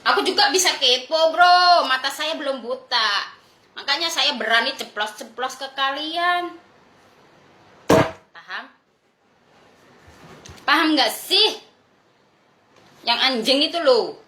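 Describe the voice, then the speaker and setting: A woman's voice: high voice, takes it slowly, long pauses, sharp tone, echoey room. A woman vlogger delivering a blunt, crude, confrontational rant to her viewers. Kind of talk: ranting monologue to viewers.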